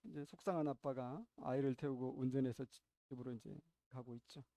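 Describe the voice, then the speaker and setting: A man preaching a sermon as pastor, telling a story with sharp swings between loud and quiet and asking the congregation questions. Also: mid-range voice, steady tone, a little fast, no echo.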